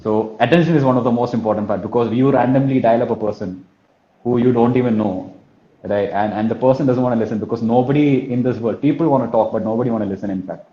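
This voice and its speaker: A man's voice: mid-range voice, fast. A man from Kerala with a Malayali Indian English accent, coaching informally like a telesales trainer, repeating himself for emphasis and often tagging sentences with checking questions. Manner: emphatic repetition, frequent 'right?' and 'you know what I mean?' tags. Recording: roomy echo, dull muffled sound.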